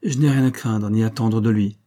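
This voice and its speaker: A man's voice: fairly low pitch, steady tone, fairly quick, mellow, lightly acted. A man voicing a haughty young wife. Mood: aloof. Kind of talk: audiobook character voice.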